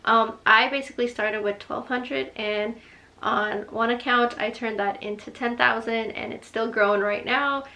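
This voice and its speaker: Woman in her twenties, from Guyana, bright tone, slightly high voice, chatty advice vlog. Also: fairly even intonation, normal speed. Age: 20s. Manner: chatty, earnest, lots of "like" fillers. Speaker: vlogger.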